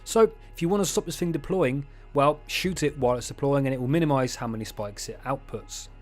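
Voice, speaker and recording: A man's voice: mid-range voice, brisk, soft background music. Chatty gamer man, self-mocking. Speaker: gaming channel host. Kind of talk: casual game update rundown over gameplay.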